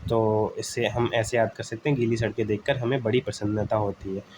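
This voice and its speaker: A man's voice: lowish voice, fairly even intonation, a little mellow, a little hiss or hum, poor audio. A man teaching exam vocabulary in a casual lesson, explaining memory tricks, calling listeners friends and checking in often with "okay". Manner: explains words with memory tricks, repeats "theek hai" often; addresses listeners as "friends", frequent "uh" pauses. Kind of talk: informal exam-prep lesson.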